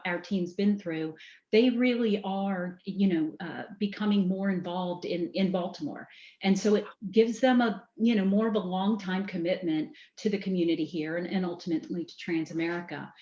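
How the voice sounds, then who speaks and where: A woman's voice: mid-range voice, a little mellow. A woman with a mild Southern American accent, a company president chatting as a guest in an interview, talking in a loose, self-correcting way with fillers. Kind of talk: casual interview chat. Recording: dull, roomy podcast recording.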